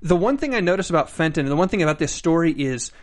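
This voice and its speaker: A man's voice: on the high side, expressive, fast. A man hosting a casual panel chat in a studio, upbeat and joking. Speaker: host.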